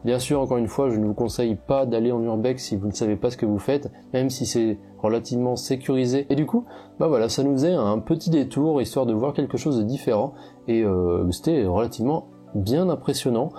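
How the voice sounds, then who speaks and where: A young man with a strong French accent tells his travel stories in a loose, chatty way, full of hesitations and restarts. His voice is very dark and mellow. Faint music plays under him. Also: mid-range voice, brisk. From France. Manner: chatty, many fillers and restarts. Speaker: travel photographer vlogger. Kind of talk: casual travel storytelling.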